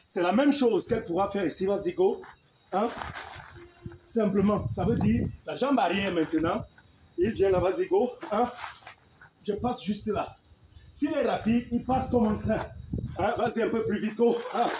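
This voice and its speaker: High-voiced man coaching combat drills. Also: darkish tone. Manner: coaching a partner aloud, counting moves, frequent "hein?". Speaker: martial arts instructor. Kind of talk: combat technique demonstration. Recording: echoey room with faint noise.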